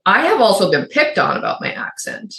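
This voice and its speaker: Co-hosting a podcast, this chatty middle-aged woman from the Upper Peninsula rambles, restarts and wanders into asides, her Yooper accent held back to a faint trace. She speaks a little fast in a slightly high, sing-song voice that's bright and forceful, recorded with a roomy echo.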